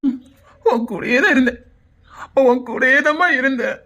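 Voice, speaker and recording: Woman acting a tearful, tender father, Tirunelveli accent, high voice. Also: animated, moderate pace, fairly bright tone, full character voice. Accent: Tirunelveli Tamil. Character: tearful loving father reunited with daughter.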